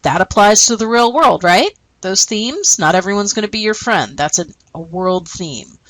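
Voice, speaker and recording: A woman's voice: medium pitch, lively intonation, normal speed, a bit bright, dry recording, poor audio. A woman teacher explaining a lesson and reading short stories aloud, often checking in with "okay?". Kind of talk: recorded classroom lesson.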